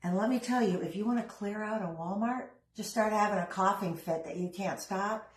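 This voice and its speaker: A woman's voice: medium pitch, normal speed, echoey room, low-quality recording. A middle-aged woman chatting casually while she works on a craft, rambling with self-deprecating asides. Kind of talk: casual craft vlog chat.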